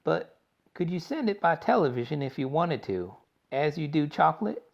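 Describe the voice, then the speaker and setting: A man reading aloud and voicing a loud, cocky boy obsessed with television. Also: fairly high pitch, sing-song, normal speed, gravelly, voice pushed up, full character voice. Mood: brash. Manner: shouty, cocky. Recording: dull lo-fi recording.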